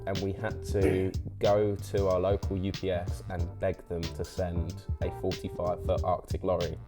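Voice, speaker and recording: A man speaks in a low, deep voice in a casual interview. He tells anecdotes matter-of-factly while music plays clearly behind him. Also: little pitch movement, moderate pace. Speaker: warehouse prep centre worker being interviewed.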